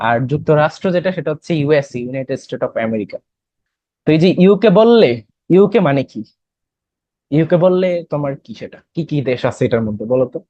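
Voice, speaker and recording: A man's voice: a little high, lively intonation, a little fast, no echo, highs cut off. A young man with a Bangladeshi accent teaching an English class for admission tests, explaining in Bengali with English terms and quizzing students. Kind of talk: classroom lecture.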